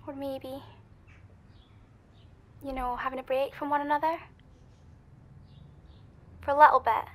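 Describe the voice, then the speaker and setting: A woman's voice: sits high, flat delivery, a little slow. A woman playing a hesitant northern girlfriend. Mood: awkward. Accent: northern English. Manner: hesitant, repetitive. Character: young woman breaking up with her boyfriend.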